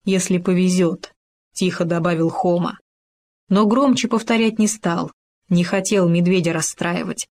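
A woman narrating a children's storybook, reading with gentle expression. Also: on the low side, normal speed.

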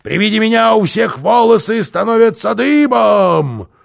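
A man's voice: high-pitched, expressive, measured pace, creaky, pitched above the performer's own voice, exaggerated voice. A man voicing a boastful, mischievous little man posing as a witch, speaking in a hollow put-on voice with theatrical indignation. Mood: spooky boasting.

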